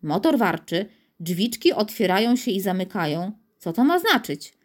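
A woman reading a storybook, playing a flustered chauffeur, thrown off balance and exclaiming in confusion. The voice jumps up in pitch, animated and agitated. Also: moderate pace. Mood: bewildered. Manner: bewildered, exclaiming. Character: flustered grown man, a chauffeur.

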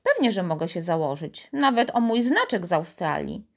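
A woman's voice: lowish voice, sing-song, moderate pace, vocal fry, full character voice. A woman voicing a skeptical, stubborn young boy who mocks and gets riled easily. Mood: doubtful.

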